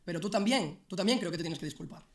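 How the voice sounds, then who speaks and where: A man's voice: high-pitched, lively intonation, fast talker. An angry young streamer rants at full speed, his voice swinging wildly up and down. He sounds a little far the mic in a roomy space. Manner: angry, indignant, shouting at times. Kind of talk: heated livestream rant.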